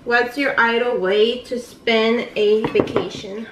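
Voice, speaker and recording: A woman's voice: a little high, steady tone, takes it slowly. A woman hosting a casual couple vlog, chatty and laughing often as she asks questions. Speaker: vlogger host. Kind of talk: casual chat. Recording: echoey room, voice a bit far off, faint ambient noise.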